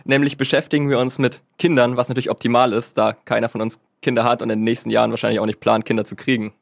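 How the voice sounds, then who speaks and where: A man's voice: mid-range voice, flat delivery, fast talker, vocal fry, dry recording, studio quality. A man co-hosting a radio show, loose, slangy and enthusiastic. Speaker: radio co-host. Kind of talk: casual radio chat. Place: radio studio.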